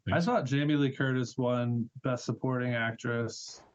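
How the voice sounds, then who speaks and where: Male podcast guest, middle pitch, relaxed chat, muffled lo-fi recording. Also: measured pace. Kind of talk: casual chat. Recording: dull lo-fi sound.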